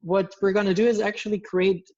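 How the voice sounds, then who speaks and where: Over a lo-fi, muffled video call, a Belgian man in his thirties with a Belgian Dutch accent, a native Dutch speaker, speaks as an animated guest who talks with his hands. He wears a headset in a home room with plants and posters. His darkish voice sits high with little pitch movement and a fairly quick pace.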